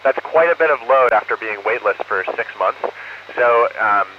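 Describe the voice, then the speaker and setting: A man's voice: mid-range voice, animated. Guy on a crackly space station radio link, earnest, says over after each answer, muffled sound with a little static hiss. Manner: earnest and measured, ends each answer with 'over'. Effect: crackly space-to-ground radio downlink. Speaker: astronaut answering student questions.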